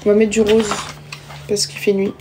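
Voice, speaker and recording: A woman's voice: medium pitch, monotone, moderate pace, background noise. A young woman chatting casually with viewers during a live stream, self-mocking and talkative, recorded on a phone at home. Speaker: livestreamer.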